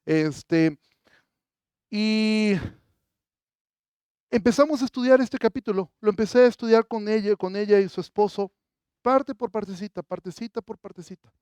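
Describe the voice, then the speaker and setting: A male pastor preaching an impassioned sermon, moving from loud proclamation to soft, intimate appeals. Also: high voice, normal speed, long pauses, smooth, no room sound, studio quality. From Mexico.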